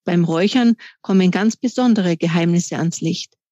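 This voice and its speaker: Woman reading a little girl wondering out loud, mellow, dull recording. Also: fairly low pitch, normal speed, dry recording, close to an everyday voice. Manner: musing. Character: a thoughtful young girl. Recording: dry, slightly dull recording.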